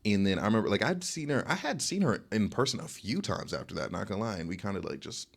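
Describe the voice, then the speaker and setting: A man's voice: fairly low pitch, sing-song, fast, vocal fry. A young man telling a casual storytime monologue, chatty and loose, tagging nearly every sentence with "okay?" and filling gaps with "like". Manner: chatty, repeats "okay?" and "like" constantly. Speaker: storyteller vlogger.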